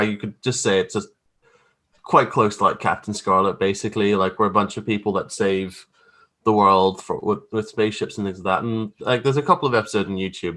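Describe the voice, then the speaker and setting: A Northern Irish graphic artist in his thirties, appearing as a podcast guest, tells anecdotes with a Belfast accent. His voice is lowish with a sharp tone, and his storytelling is informal, rambling, and self-deprecating in a casual chat.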